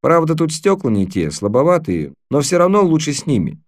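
A man's voice: on the high side, huge pitch swings, brisk, no room sound, clean studio sound, pitched above the performer's own voice. A man voicing a good-natured boy with glasses who answers in a matter-of-fact way.

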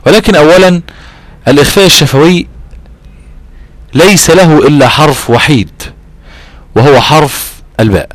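A man with an Egyptian accent teaching a recitation lesson, repeating key terms and slowing down to draw out his recited examples. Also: on the high side, no echo. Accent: Egyptian Arabic. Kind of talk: explanatory lesson.

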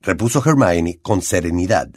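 Expressive Latin American Spanish male narrator. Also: deep voice, moderate pace, dry recording, studio quality. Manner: expressive storytelling delivery. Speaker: audiobook narrator. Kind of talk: scripted audiobook narration.

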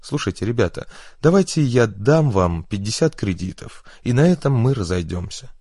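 A man voicing an unflappable male gangster who talks in a calm, everyday tone. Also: lowish voice, moderate pace, slightly rough, no room sound, clean studio sound. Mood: calm cocky.

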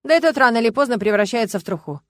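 A woman reading an audiobook, voicing a gloomy, bitter middle-aged man who bursts out loudly and sardonically. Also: fairly high pitch, animated, racing, no echo, studio quality, close to an everyday voice. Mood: sardonic. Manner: agitated, loud, sardonic outbursts.

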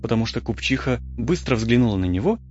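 A man narrating an audiobook in the first person, telling the story in a lively, theatrical way. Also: medium pitch, fast talker. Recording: dull lo-fi audio with strong background music.

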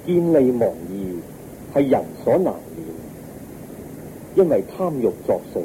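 An actor playing a calm, compassionate holy teacher, speaking in measured, solemn Hong Kong Cantonese in a radio drama. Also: male voice, fairly low pitch, noisy background. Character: the Buddha, calm, compassionate, authoritative male teacher.

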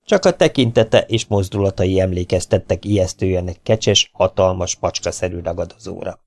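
Guy reading an audiobook, steady even telling, kinda low voice. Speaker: audiobook narrator. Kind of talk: scripted audiobook narration.

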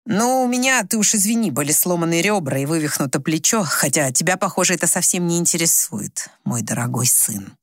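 A woman voicing a tired, bitter older husband who speaks slowly and low in an audiobook story. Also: lively intonation, no room sound, clean studio sound. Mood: weary. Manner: tired, slow, low and resigned.

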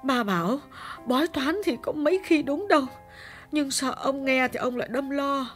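A woman's voice: high-pitched, moderate pace, faint music behind, lightly acted. A woman voicing an emotional young female servant who tells her story plainly. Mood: sobbing. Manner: plain-spoken, storytelling with sobs.

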